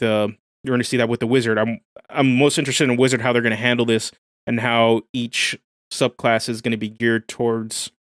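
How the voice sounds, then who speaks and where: A man hosts a livestream in a loose, excited way, reacting to new rules and catching up with chat. His voice sits at a middle pitch, and the sound is dry with no room echo. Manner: enthusiastic, casual slang, reads chat aloud. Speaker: livestream host. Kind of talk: casual livestream commentary.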